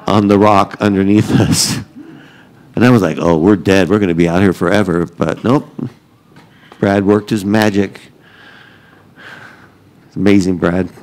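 A man's voice: lowish voice, a little mellow, rough recording. A middle-aged man preaching a sermon, telling joking, self-deprecating stories and laughing often. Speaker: pastor.

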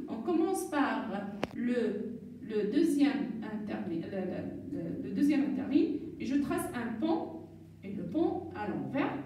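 A woman teacher giving a recorded reading and writing lesson to young children, slowly sounding out words syllable by syllable. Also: high voice, warm tone, slight background noise. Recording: distant mic in a very echoey room.

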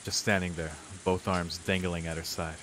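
Reading a visual novel's narration aloud for a let's play, a young man reacts casually in a low, deep voice with little pitch movement, at normal speed. Behind him, rain and hiss can be clearly heard.

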